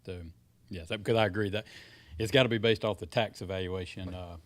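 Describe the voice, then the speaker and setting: A man with a fairly low voice chairs a county board meeting. He keeps his remarks brief and agreeable and moves things along with procedural phrases. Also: fairly even intonation, fairly quick.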